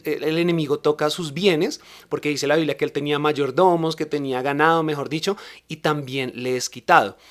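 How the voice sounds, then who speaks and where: Male podcast host, a little higher-pitched, relaxed self-deprecating storyteller. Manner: casual and self-deprecating, laughs at himself. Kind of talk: personal faith testimony podcast.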